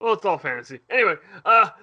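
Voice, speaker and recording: Bright, lively high-voiced man joking. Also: highs cut off. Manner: playful, asks questions and jokes. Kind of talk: casual chat.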